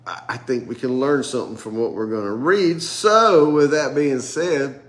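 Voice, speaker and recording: A middle-aged pastor from the United States leads a relaxed Bible study with a group gathered around a table. His male voice is medium in pitch, and a sinus infection leaves it nasal and congested. He speaks haltingly, restarting his sentences again and again.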